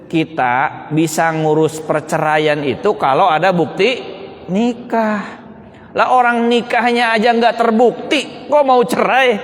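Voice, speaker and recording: Guy giving a joking talk to a crowd, high voice, lots of rhetorical questions, big echoey hall. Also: measured pace. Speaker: speaker addressing an audience. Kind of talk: humorous public talk. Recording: long hall reverb.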